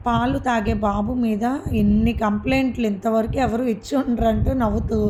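A woman reading a serial love story aloud in a steady storytelling way. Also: on the high side, normal speed. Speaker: story reader. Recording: noisy recording.

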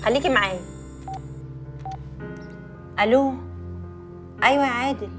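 An actress with an Egyptian accent playing a young woman calming her best friend over the phone. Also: high-pitched, unhurried, music in the background. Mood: soothing. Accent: Egyptian Arabic. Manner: soothing, juggling two phone calls. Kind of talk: Egyptian TV drama acting.

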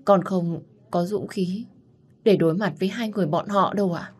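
A woman's voice: lowish voice, normal speed, a little mellow, husky, voice pushed up. A woman voicing a manipulative young woman who talks through tears and pleads. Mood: tearful pleading. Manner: tearful, pleading. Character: sobbing manipulative young woman, daughter-in-law hopeful.

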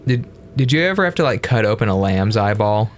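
A man's voice: lowish voice, lively intonation, brisk. A man giving casual, playful, teasing commentary while playing a horror game. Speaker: gameplay commentator.

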